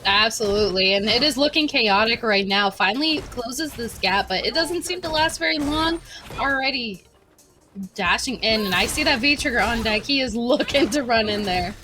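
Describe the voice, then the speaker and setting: A woman's voice: a little high, animated, normal speed, bright, forceful tone, soft background music. Upbeat woman esports color commentator. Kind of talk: live fighting game commentary.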